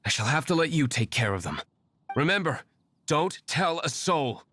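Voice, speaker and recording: A man's voice: a little high, big pitch swings, normal speed, sharp tone, full character voice. A man voicing an aloof, brooding young vigilante in a video game, speaking formally with dry disdain. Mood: commanding.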